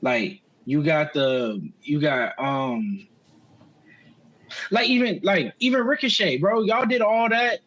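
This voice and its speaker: A man's voice: on the high side, slow pace, a bit bright, highs cut off. A man co-hosting a podcast, talking wrestling in a casual, slangy way and swearing freely. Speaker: podcast co-host.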